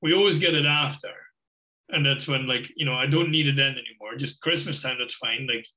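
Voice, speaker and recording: A man's voice: medium pitch, fairly quick, sharp tone, low-quality recording. A Scottish man in his thirties hosting a casual video-call chat from a home office, rambling with lots of fillers. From Scotland. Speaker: guest host.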